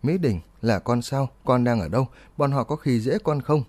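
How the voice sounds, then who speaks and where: A man's voice: medium pitch, moderate pace, a little mellow, no echo, natural voice. A man playing an anxious, doting middle-aged father who speaks in a worried, pleading way.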